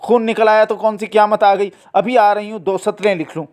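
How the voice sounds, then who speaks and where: Man putting on a shrill scolding housewife. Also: fairly even intonation, brisk, darkish tone, close to an everyday voice. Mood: shouting. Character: scolding, harried middle-aged housewife.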